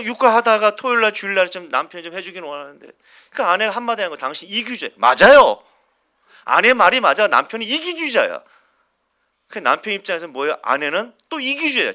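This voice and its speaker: A man's voice: high voice, bright, forceful tone. A male pastor preaching a Sunday sermon at a church service. He talks animatedly, asks the congregation questions and acts out everyday quarrels with a chuckle.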